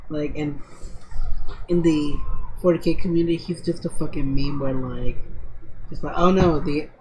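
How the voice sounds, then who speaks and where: A man's voice: a little high, fairly even intonation, normal speed, dark tone, slight background noise, poor audio. A man co-hosting a podcast, chatting casually and retelling anime scenes in a rambling, profane way. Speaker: podcast co-host. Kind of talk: casual chat.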